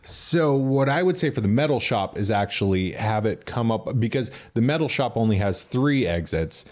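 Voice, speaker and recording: Brief: mid-pitched man, easygoing co-host, wanders off topic. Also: lively intonation, moderate pace, darkish tone. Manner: chatty, goes off on tangents, agreeable. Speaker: co-host of a game design stream. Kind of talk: casual chat.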